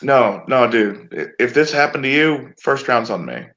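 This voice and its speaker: A man's voice: medium pitch, animated, moderate pace, fairly bright tone. A man playing a laid-back loyal buddy. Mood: easygoing. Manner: casual, says "dude" a lot. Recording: dull lo-fi audio.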